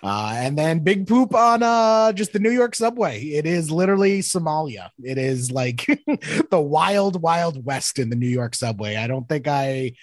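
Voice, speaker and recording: A man's voice: a little high, sing-song, measured pace, hardly any pauses, dry recording, clean studio sound. A man co-hosting a casual podcast chat, laid-back, laughing often and filling his talk with "uh" and "like". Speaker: podcast co-host.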